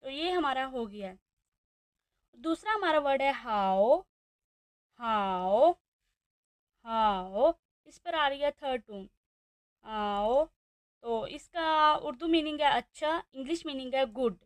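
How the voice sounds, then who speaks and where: A woman with a Pakistani Urdu accent teaching a beginner language lesson, saying each new word slowly and repeating it several times. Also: sits high, animated, no echo.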